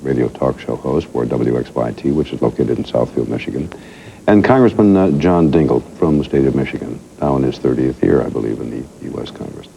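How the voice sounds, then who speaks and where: A man reading television news and then hosting a studio interview in a measured, formal manner. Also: very deep voice, gravelly, dark tone, slight background noise. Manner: measured, formal newsreader delivery. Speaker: TV news anchor and talk show host. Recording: dull lo-fi 1990s TV audio.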